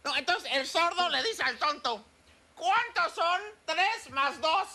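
A giggly corny Mexican comic. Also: male voice, lively intonation, slow, creaky, pushed and bright, full character voice. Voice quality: high put-on voice, giggles at own punchlines. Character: corny male stand-up comic, giggly, pleased with his own bad jokes. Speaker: comedian. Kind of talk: TV comedy sketch.

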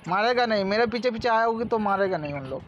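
A high-pitched man gives casual running commentary over a shooter game, loud gunfire crackling behind him. He chats, pleads with other players and keeps asking viewers to like and subscribe. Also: lively intonation, fast talker, lo-fi sound. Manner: chatty, pleading, frequent viewer appeals. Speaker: gameplay streamer.

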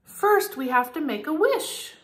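An excited little boy of six, as a woman reads him aloud from a storybook, his voice jumping up high and bright with lively swings in pitch. He calls out eagerly, louder than the telling around him, and speaks slowly. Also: exaggerated voice.

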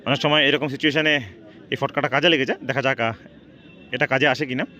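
A man's voice: medium pitch, steady tone, quick pace, bright, forceful tone. A man gives live football shootout commentary, repeating stock phrases and dropping in English words. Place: outdoors at a local football ground. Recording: outdoor ground with crowd noise. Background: crowd and outdoor noise.

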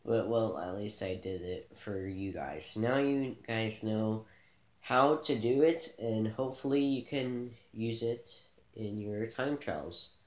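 A man giving a casual gameplay tutorial, relaxed and thinking aloud as he plays in a dim room, filmed by a camera pointed at the TV. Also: fairly low pitch, takes it slowly, roomy sound. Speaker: gaming channel host.

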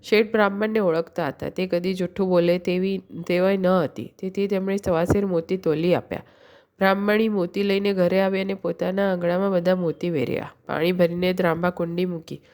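A woman reading a devotional folk story aloud as a storyteller, in a steady recitation with small slips and restarts. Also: on the low side, fairly quick.

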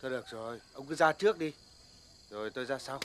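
A man's voice: medium pitch, noisy background, lightly acted. An actor playing a bossy male village security chief who barks orders. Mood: brusque. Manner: commanding, quick to bark orders. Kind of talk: TV drama acting.

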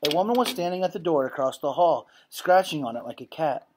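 Captured by a laptop or webcam at desk distance in a classroom, this thirtysomething man reads a storybook like a teacher would, voicing the dialogue with expression. His slightly high, somewhat mellow voice has lively intonation and moves a bit fast, over a faint hiss or hum.

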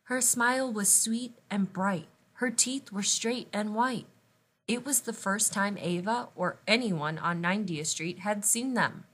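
Woman reading a children's picture book aloud, bright, expressive storyteller. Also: mid-range voice, unhurried, husky. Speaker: storybook reader.

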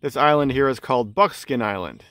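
A man in his thirties filming himself outdoors on a phone at arm's length, calmly narrating a solo canoe trip down a river like a tour guide. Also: mid-range voice, brisk, dry recording, clean studio sound. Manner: calm, informative, tour-guide-like. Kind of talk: casual travel narration. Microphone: phone camera at arm's length.

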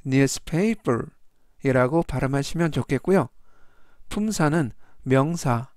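A man's voice: fairly high pitch, a little mellow, dry recording, clean studio sound. A man teaching English vocabulary in Korean, pronouncing each word carefully and explaining it in polite, formal phrases.

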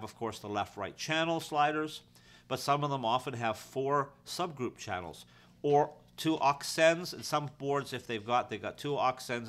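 A man with a mid-range, fairly bright voice gives an informal, practical how-to explanation in a conversational manner. He's an audio-visual technician and instructor teaching his trade.

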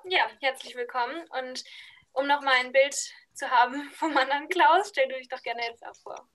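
A woman's voice: high-pitched, normal speed, a bit bright, a little hiss or hum. A young woman moderating an online talk on a video call, friendly and easygoing. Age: young adult. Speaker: host, moderator. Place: room at home. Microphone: video call webcam.

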